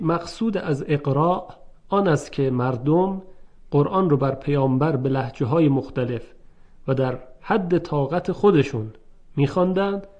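A man's voice: on the high side, a little mellow, dull audio. A male lecturer explaining a religious topic patiently, using examples and asking rhetorical questions.

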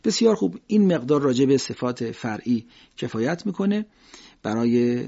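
A man teaching Quranic recitation, demonstrating each letter slowly and repeating the examples. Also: medium pitch, lively intonation, vocal fry, dark tone. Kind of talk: religious pronunciation lesson. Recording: dull lo-fi audio.

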